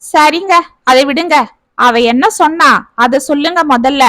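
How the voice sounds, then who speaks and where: A woman voicing a caring older grandmother who calmly reasons with her husband. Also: high-pitched, a little slow, no room sound. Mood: gentle. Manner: soothing, reasoning gently.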